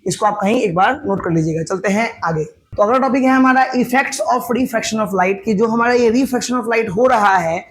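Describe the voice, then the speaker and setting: A man's voice: high-pitched, moderate pace, few pauses, slight background noise. A male teacher lecturing at a board, explaining step by step, asking questions and answering them himself, with terms.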